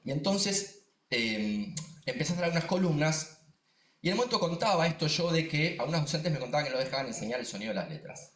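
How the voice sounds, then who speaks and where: In a lecture room with an echoey sound, a man with a fairly high voice and a Rioplatense Spanish accent gives a seminar talk. He's a neuroscientist and science communicator, and his delivery is emphatic, animated, and quick, packed with asides and repetitions.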